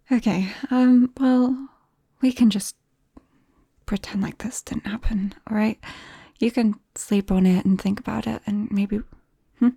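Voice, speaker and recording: A woman with a British accent fully voices a flustered, shy and awkward vampire girl in an intimate ASMR roleplay, speaking to her best friend. Her medium-pitched voice is steady, soft and mellow with a creaky edge, frequently sinking to a whisper, and her delivery is slow, hesitant, gentle and bashful. It's a dry, clean studio recording.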